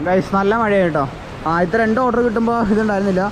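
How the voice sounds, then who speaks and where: A man's voice: high voice, racing. A young man from Kerala with a Thrissur Malayalam accent, chatting casually as a delivery rider vlogger and mixing English words into his Malayalam. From Kerala, India. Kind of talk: casual vlog chat to viewers. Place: outdoors on the road at night. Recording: noisy outdoor street and vehicle sound.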